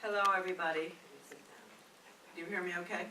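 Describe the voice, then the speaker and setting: An older woman from Maine, a friend of the honoree, gives a rambling, chatty speech of memories to a gathering, often asking a friend to remember. Her lowish voice is steady and fast, recorded from afar in an echoey room with heavy background noise.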